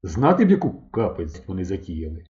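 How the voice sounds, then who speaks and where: A man's voice: very animated, brisk, dark tone, lo-fi sound. A man reading aloud as a stern, caustic elderly woman doctor who speaks sharply and bitingly. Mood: indignant. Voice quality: hoarse bass voice.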